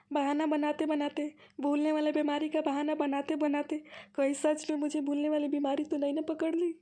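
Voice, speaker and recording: A woman's voice: high-pitched, warm tone, close to an everyday voice. A woman voicing a complaining aging woman who pretends to be forgetful in a cartoon. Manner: complaining, whiny. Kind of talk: cartoon voice acting.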